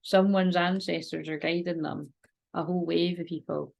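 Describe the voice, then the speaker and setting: A woman's voice: fairly low pitch, fairly even intonation, normal speed, creaky, darkish tone. A woman gives a spiritual card reading in a rambling, informal way, moving between chat and guided relaxation. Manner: rambling, informal, interrupts herself. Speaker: tarot and oracle card reader.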